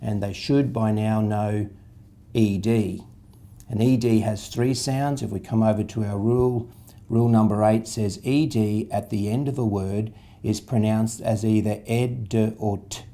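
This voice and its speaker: A man's voice: fairly low pitch, fairly even intonation, unhurried, mellow. Patient man teaching syllables. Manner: patient, methodical, spells out letters and sounds. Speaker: literacy tutor. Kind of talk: step-by-step instructional explanation.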